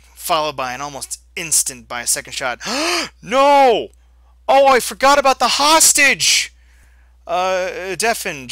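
A gameplay host reading a story game aloud, reacting loudly and swearing at his choices. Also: sits high, dry recording.

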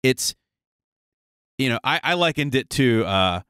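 Animated, jokey male podcast host. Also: mid-range voice, measured pace, clean tone, dry recording, studio quality. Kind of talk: casual panel chat.

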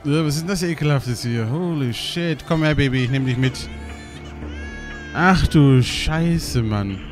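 A young man giving casual, excitable gaming commentary, swearing and laughing often as he plays. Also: medium pitch, measured pace, faint music behind. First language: German. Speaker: let's play gamer.

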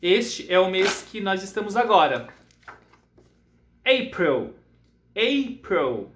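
A man's voice: high voice, normal speed, fairly bright tone, a little hiss or hum. A young Brazilian man teaching English to children, reassuring and mixing English with Portuguese, drilling words for the class to repeat. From western Santa Catarina, Brazil. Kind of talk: online English lesson for children. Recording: echoey room.

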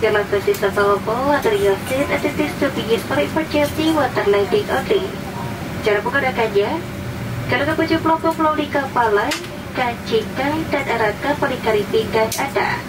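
A woman's voice: high-pitched, normal speed. A woman with an Indonesian accent speaking as a flight attendant, reciting a scripted cabin safety announcement in a formal manner. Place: inside an airliner cabin. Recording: distant cabin PA, loud aircraft engine noise. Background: loud aircraft cabin noise.

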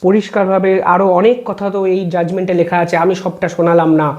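A man giving political news commentary in a pointed, questioning way, reading out court documents slowly and then explaining them. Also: high voice, flat delivery, darkish tone, highs cut off.

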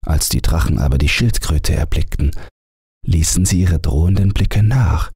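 A man reading a fairy tale aloud as a calm bedtime audiobook narrator. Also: very deep voice, slightly rough, no echo, studio quality. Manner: measured storytelling voice.

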